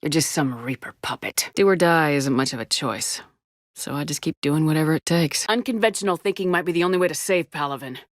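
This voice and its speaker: A woman's voice: low voice, fairly quick, dry recording, studio quality, lightly acted. A woman playing a tough, resolute military commander in a science fiction video game, speaking firmly and earnestly in clipped, commanding phrases. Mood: quiet, grave, then solemn, determined. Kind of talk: video game voice acting, dramatic.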